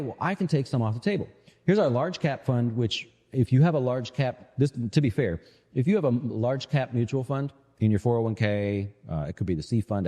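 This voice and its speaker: A financial show host and investment manager gives casual, conversational market commentary on a live broadcast, sprinkling in rhetorical check-in questions. His husky, dark voice sits at medium pitch and echoes with hall-like reverb.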